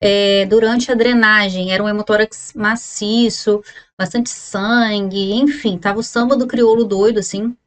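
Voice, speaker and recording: A woman in her thirties with a Brazilian Portuguese accent, a surgeon telling a story in a casual, animated vlog style with many restarts. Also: medium pitch, measured pace. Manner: chatty, animated retelling with restarts.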